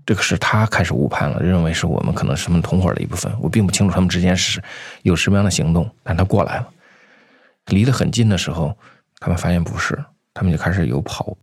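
Low, husky man telling stories from memory. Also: no room sound, studio quality. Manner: conversational, halting, repeats phrases. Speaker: anti-poaching patroller, interview guest. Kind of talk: unscripted first-person storytelling.

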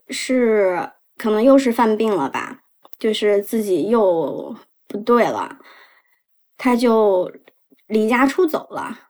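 A young woman telling a painful personal story, halting and emotional with many restarts. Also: fairly high pitch.

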